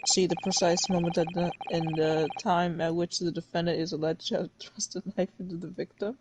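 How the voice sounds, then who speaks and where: A woman's voice: lowish voice, steady tone, fairly quick, noisy background. A woman game streamer in a casual let's play, reading formal game dialogue aloud in a playful mock-formal way with slangy asides. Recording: loud game music behind voice. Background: game music.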